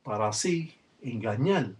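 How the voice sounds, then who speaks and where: Man, webcam talk, practitioner explaining rituals, measured, fills pauses with "eh". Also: medium pitch, expressive, a little mellow, breathy edge. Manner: measured, with frequent "eh" fillers.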